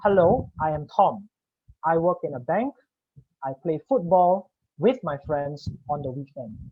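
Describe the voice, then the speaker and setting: A man voicing a measured, pausing introvert. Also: on the high side, animated, husky, narrow, tinny audio. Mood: calm. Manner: slightly longer gaps between sentences.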